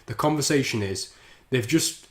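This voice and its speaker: A man's voice: medium pitch, lively intonation, moderate pace, echoey room. A man hosting a livestream, bantering crudely and laughing while drinking. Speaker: livestream host. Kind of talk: casual chat.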